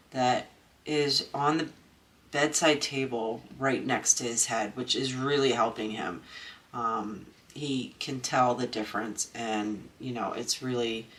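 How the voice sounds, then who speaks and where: With a congested, stuffy nose, this Maryland crafting channel host talks casually at home while working on her crafts. Her rumbling low voice has a fairly bright tone, and she rambles with frequent ums and restarts.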